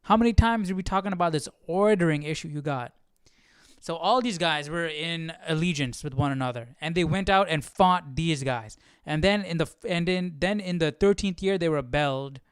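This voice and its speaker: At a moderate pace and in a smooth, slightly high voice, a man hosts a casual live Bible study, reading aloud and thinking it through informally. He often repeats himself and checks his understanding, and the recording is dry.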